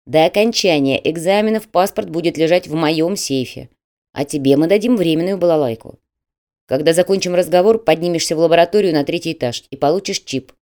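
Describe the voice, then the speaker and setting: A woman voicing a stern middle-aged male admissions manager who talks in a brisk, official and mocking way. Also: low-pitched, darkish tone, lightly acted.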